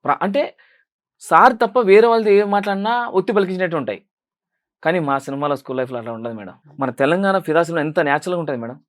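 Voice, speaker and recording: A young man speaking Telugu with a Rayalaseema accent, pouring out his answers at a very fast clip. His voice sits a little high and he keeps deferring politely to the interviewer. The sound is close and clean. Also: lively intonation. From Rayalaseema, India. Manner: earnest, rapid, addresses interviewer as madam constantly. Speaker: film director and actor.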